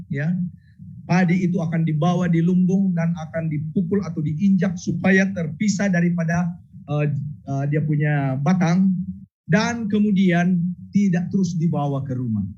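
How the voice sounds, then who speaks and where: A man preaching a sermon as an evangelist, addressing the congregation directly and emphatically, repeating key phrases and reading scripture, with a husky voice. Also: a little high, normal speed, mellow. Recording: dull lo-fi sound.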